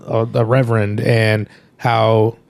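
A man's voice: on the low side, level tone, slow pace, creaky, a little mellow. A man in casual conversation, rambling and filling his talk with "you know". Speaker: podcast co-host. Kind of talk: casual movie discussion.

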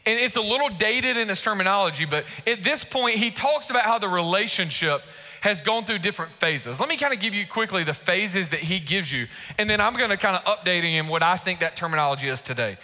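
A man's voice: sits high, expressive, brisk, pushed and bright, in a large hall. A man preaching a sermon as pastor, earnest and speaking directly to the congregation.

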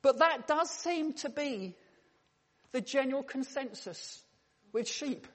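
Preaching in a church hall with long reverb, a man tells stories with dry humor in an anecdotal sermon. His voice is very high, animated and slow.

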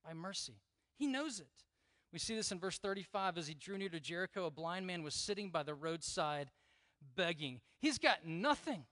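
A man's voice: on the high side, moderate pace, no echo. A middle-aged man preaching a conversational, earnest sermon as pastor. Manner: conversational, earnest preaching with quiet emphatic repeats.

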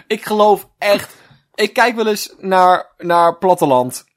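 A man's voice: sits high, takes it slowly. A man, co-hosting a casual comedic chat, joking and laughing often. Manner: animated, joking, laughs often, puts on voices in anecdotes. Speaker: podcast co-host.

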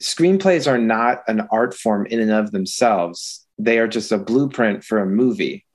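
A middle-aged man in casual chat about music, thoughtful and reflective, often pausing to find his words. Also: on the low side, lively intonation, husky.

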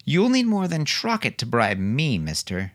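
A man's voice: medium pitch, huge pitch swings, moderate pace, a bit bright, voice pushed up. A man reading an audiobook, voicing a teasing, sarcastic young mother with a raised, lighter voice. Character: teasing, sharp-tongued young mother and wife.

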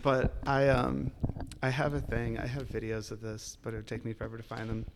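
Man, gravelly, mid-pitched, rambling casual storyteller. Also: completely flat delivery, a little fast, slight background noise. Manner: rambling storyteller, laughs often, swears. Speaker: liquor store retailer, guest. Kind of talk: casual podcast chat.

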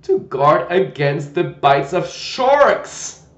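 A man voicing a gentle, fussy old knight who talks loudly and fretfully. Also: a little high, very animated, very slow, voice pushed up, full character voice. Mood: fussy eager. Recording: dull lo-fi roomy recording.

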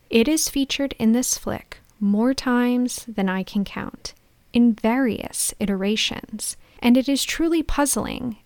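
Female film podcaster, playful scripted storyteller, fairly high pitch, very dry recording. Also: dry recording. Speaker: podcast host.

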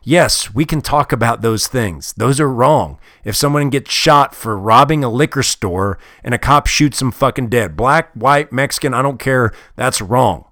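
Blunt, profane motivational speaker. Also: male voice, medium pitch, lively intonation, a little slow, few pauses, a bit bright, no room sound, studio quality. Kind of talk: motivational talk.

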